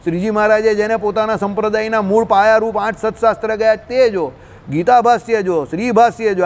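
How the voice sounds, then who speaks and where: High-pitched guy, lecturing on scripture, keeps firing rhetorical questions. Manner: scolding, rhetorical questions, colloquial asides. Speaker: religious teacher. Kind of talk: scriptural discourse.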